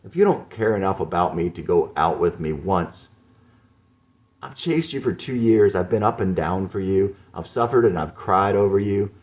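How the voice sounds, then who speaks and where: A man's voice: sits low, animated, normal speed, darkish tone, pitched above the performer's own voice. A man voicing a lovesick young man who pleads with anxious, raised questions. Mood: bitter.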